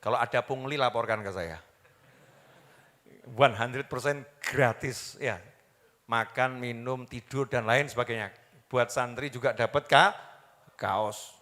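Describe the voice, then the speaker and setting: A male preacher, giving an animated sermon that quizzes the audience and acts out the people he quotes. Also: mid-range voice, measured pace, long pauses. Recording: long hall reverb.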